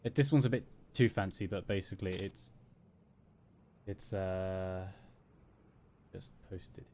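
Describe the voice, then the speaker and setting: Low-voiced hesitant male player. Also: slow pace, noisy background. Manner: hesitant, full of ums and restarts. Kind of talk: casual tabletop game chat.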